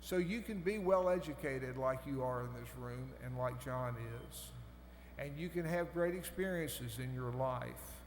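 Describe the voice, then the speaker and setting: A man giving a formal podium speech as a commencement speaker, deliberate and phrase by phrase, in a large hall. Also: mid-range voice. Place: large hall over a PA system. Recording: echoey hall, humming background noise.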